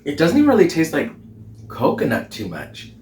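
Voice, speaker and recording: This young drag vlogger cooks in his home kitchen, giggling, cursing as he tastes, and affecting a mock Irish lilt in casual chat. His highish, slightly mellow voice swoops wildly in pitch at a moderate pace. The camera mic is a few feet away, giving off-mic sound, roomy echo, and slight background noise.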